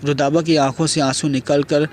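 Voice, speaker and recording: A man's voice: fairly high pitch, flat delivery, a little hiss or hum. Man reading a novel aloud. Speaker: audio novel narrator.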